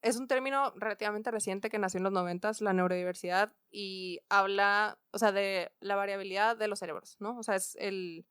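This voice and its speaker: A woman's voice: mid-range voice, fairly even intonation, fairly quick, hardly any pauses, fairly bright tone, clean tone, no echo, clean studio sound. A woman with a Mexican accent, a coach and podcast guest, explaining ideas thoughtfully with frequent fillers. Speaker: guest, work and education coach. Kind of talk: conversational podcast interview.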